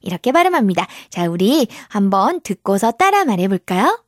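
Woman English teacher, encouraging, sing-song, lively pitch, dry close sound. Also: normal speed, no echo. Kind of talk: online English lesson for children.

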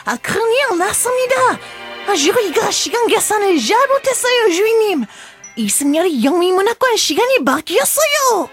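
A panicky servant , played by a woman, frets and cries out to the master in a piercingly high voice that swoops all over the place. It is a comic radio skit, with music playing underneath. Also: sing-song, normal speed, heavily acted. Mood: panicked. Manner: flustered, wailing, calls out to master. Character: anxious fussing servant to his master.

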